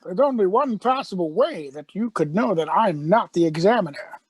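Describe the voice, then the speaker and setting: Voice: medium pitch, animated, moderate pace, darkish tone, husky, no room sound. An actor playing an eccentric, defiant space-travelling Doctor in a radio play, urgent and given to repeating phrases. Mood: defiant, probing.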